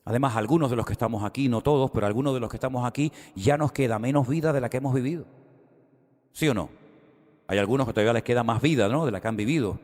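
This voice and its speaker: A man's voice: medium pitch, fast, darkish tone. A man, preaching a sermon in a conversational, rambling way with restarts and asides. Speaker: pastor. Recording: hall with long reverb.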